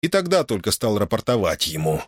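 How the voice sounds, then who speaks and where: A man narrating a novel as an audiobook in a steady, expressive reading. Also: lowish voice, brisk, dry recording, clean studio sound.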